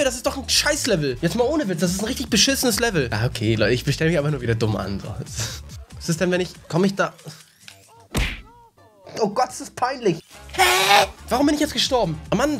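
A man doing excitable let's-play commentary, shouting and wailing when he fails, sometimes singing his words, talking straight to his viewers. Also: high voice. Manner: excitable, shouts and wails at failures, playful sing-song bits; talks straight to viewers as "Leute". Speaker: gaming YouTuber.

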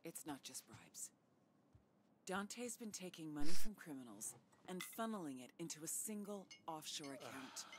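A woman's voice: on the low side, noisy background. An actress playing a scheming woman fugitive in a video game, pleading and persuasive. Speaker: game character.

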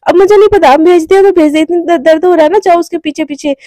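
A woman's voice: very high voice, a little fast, mellow, no room sound. A woman voicing a cold, sulky young woman who speaks curtly. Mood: jealous. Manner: curt and sulky. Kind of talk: storyteller voicing a character.

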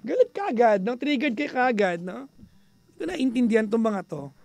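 Filipino male radio host, high gravelly voice, playful teasing banter with listeners, studio mic. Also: sing-song, normal speed, slight background noise. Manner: chatty, mixes Tagalog and English, teasing, playful; bursts into loud, high exasperated rants. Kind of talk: casual radio talk with listeners.

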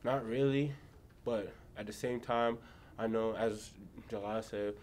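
A young college player speaks plainly and thoughtfully about his game. His voice sits a bit low and stays level. Faint room hum lies underneath. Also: fairly even intonation, measured pace, darkish tone. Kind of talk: postgame press conference answers.

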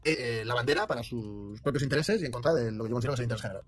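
A man's voice: medium pitch, very fast. A man firmly denying a claim in a clip, with music behind.

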